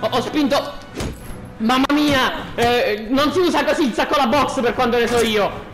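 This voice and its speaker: A gaming host giving casual, joking commentary, excitable and repeating phrases. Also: high voice, normal speed, soft background music.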